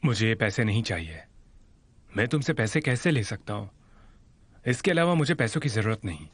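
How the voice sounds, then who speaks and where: A man's voice: on the low side, big pitch swings, moderate pace, breathy edge. A man dubbing a proud, stubborn man who insists on refusing help, in a drama. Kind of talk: Hindi dub of a drama.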